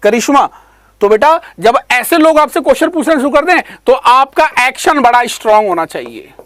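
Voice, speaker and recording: A man who teaches exam prep online, addressing students fondly and repeating himself while pitching a course. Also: sing-song, normal speed, a bit bright, no echo. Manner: repetitive, calls listeners "beta", pushy sales pitch. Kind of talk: promotional talk to students.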